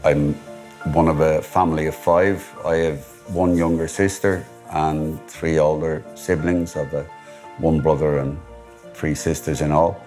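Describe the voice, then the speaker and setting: A man's voice: extremely low pitch, fairly even intonation, unhurried, a little mellow, faint music behind. A middle-aged man from Ireland with an Irish accent, steadily recounting his married life in a personal testimony interview.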